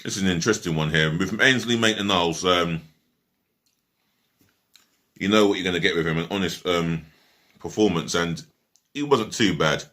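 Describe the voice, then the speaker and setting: Blunt low-voiced man reviewing a match. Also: moderate pace, pauses often, a bit bright. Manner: blunt, swears freely, rambling with fillers; talks while eating. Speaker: football fan reviewer. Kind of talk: casual match review vlog.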